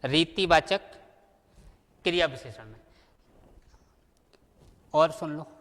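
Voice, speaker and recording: A male teacher gives a classroom grammar lesson at a very slow, deliberate pace. He keeps asking the class questions and then answers them himself, repeating words one at a time. His fairly high voice rings with a long echo, like a bare classroom. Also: fairly bright tone.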